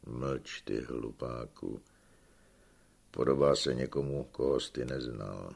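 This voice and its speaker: A man's voice: extremely low pitch, darkish tone, voice pushed down, full character voice. A man reading the part of a sly, shrewd old peasant uncle who teases and scolds his young nephew in an audiobook. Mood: gruff. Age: older. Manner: teasing, gruff, scolding.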